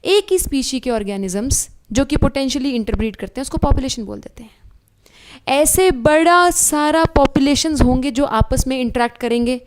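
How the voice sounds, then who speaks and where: Woman, high bright voice, lively biology teacher, checks in with students. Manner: animated, addresses students as beta, asks checking questions. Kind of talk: online exam-prep lecture.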